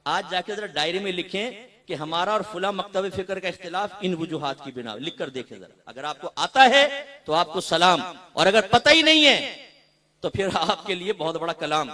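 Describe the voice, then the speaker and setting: A man delivering a sermon as a mufti, his high and bright voice cutting through his points. He swings between forceful, emphatic runs and softer, conversational asides. He likes to act out short exchanges of dialogue. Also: moderate pace. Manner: storytelling with quoted dialogue. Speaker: mufti preaching to a gathering.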